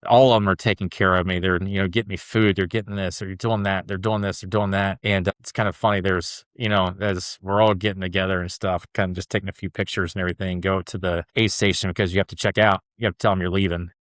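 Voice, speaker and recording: A man with a lowish voice tells a long personal story on a podcast, rambling and casual, leaning on "like" and "dude". The sound is dry and close, with no room around it. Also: level tone, fast talker, few pauses, no room sound. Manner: loose and chatty, peppered with "like" and "dude". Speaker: podcast guest, ultra runner.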